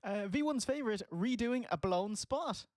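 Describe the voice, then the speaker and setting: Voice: medium pitch, lively intonation, normal speed, darkish tone, no echo. Dry-sounding podcast co-host. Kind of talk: casual wrestling recap.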